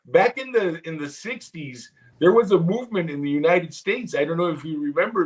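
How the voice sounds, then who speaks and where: A man's voice: a little high, low-quality recording. A man hosting a casual chat, who asks his question hesitantly and with many restarts.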